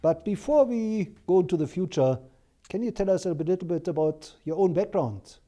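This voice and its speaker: A man's voice: high voice, expressive, moderate pace, warm tone. A male interviewer asking polite, courteous questions.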